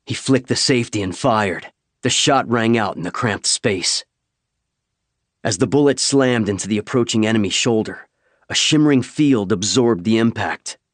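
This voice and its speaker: A man with a lowish voice reads an audiobook in a measured, steady delivery. The sound is close and dry, recorded on a studio microphone. The pacing holds even through the action. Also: no room sound. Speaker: audiobook narrator. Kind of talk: scripted narration.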